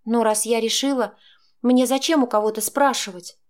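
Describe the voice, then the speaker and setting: A woman voicing a defiant young pregnant daughter who speaks in an agitated, sharp way. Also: fairly high pitch, normal speed, natural voice.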